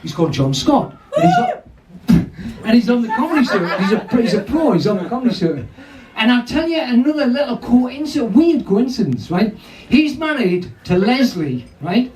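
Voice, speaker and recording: Hosting a pub comedy night, an older man from North East England works the crowd in a rambling, sweary way and frequently laughs at his own jokes. He has a very high voice and speaks at normal speed, recorded on a distant mic with a lively audience.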